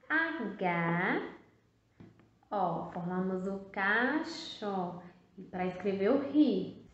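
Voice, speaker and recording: A woman with a Brazilian Portuguese accent teaching a first-grade class in a recorded video lesson, stretching words out in a slow, sing-song teacherly way. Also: mid-range voice. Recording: very echoey, dull lo-fi sound.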